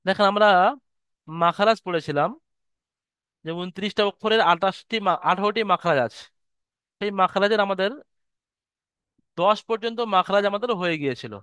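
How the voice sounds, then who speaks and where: A man teaching an online lesson on Arabic letter pronunciation, patiently repeating each sound slowly. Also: high voice, fairly bright tone, smooth, dry recording, studio quality. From West Bengal, India. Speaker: Quran recitation teacher. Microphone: video call.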